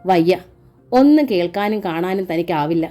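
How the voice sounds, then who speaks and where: A woman voicing a young man who speaks quietly and holds back his grief. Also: lowish voice, expressive, normal speed, soft background music, close to an everyday voice. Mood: tender. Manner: quiet, restrained speech. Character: young man shielding his family, grieving.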